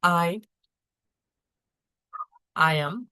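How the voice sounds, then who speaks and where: A man's voice: on the high side, drawn-out words, bright, forceful tone, clear, resonant tone. A man teaching a beginner English lesson, explaining step by step with patience.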